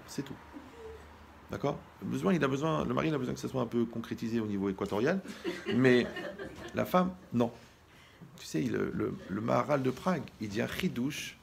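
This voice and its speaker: A man preaching as a rabbi, lively and joking, talking straight to the listener and acting out little scenes. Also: mid-range voice, vocal fry, a little hiss or hum. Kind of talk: humorous sermon on marriage.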